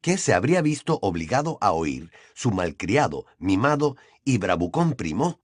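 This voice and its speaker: A male narrator reading a novel aloud with lively, swooping intonation. His voice sits at a middle pitch and is recorded close and dry, with no room sound. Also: normal speed, no room sound. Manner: expressive storytelling. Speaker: audiobook narrator. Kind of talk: scripted narration.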